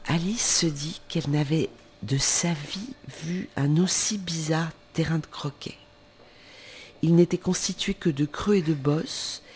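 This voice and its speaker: A man's voice: fairly high pitch, a little slow. Man reading a storybook aloud casually. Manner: informal asides and self-corrections while reading. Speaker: reader. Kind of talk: casual reading of a children's book.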